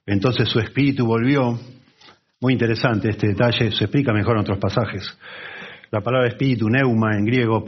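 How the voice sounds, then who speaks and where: A man preaching a conversational Bible sermon, with lively asides and acted-out quotes. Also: on the low side, husky, muffled recording.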